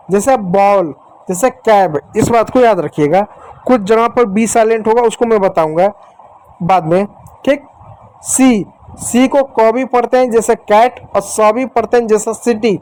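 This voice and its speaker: A man teaching young children letter sounds in a patient, repetitive way, slowly sounding out letters and speaking to the children directly and affectionately. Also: high-pitched, a little mellow, low-quality recording. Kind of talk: phonics lesson for young children.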